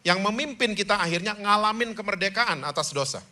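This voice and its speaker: A male pastor preaching a sermon with animated delivery, often checking in with the congregation. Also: high voice, brisk. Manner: animated, with rhetorical "hmm?" prompts to the congregation.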